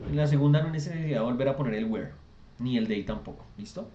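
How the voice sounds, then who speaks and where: This English tutor speaks quickly in a mellow, mid-range voice, with slight background noise behind him. Over a video call in a virtual classroom, he explains grammar one step at a time and often makes sure his students are following, though the audio is echoey and lo-fi.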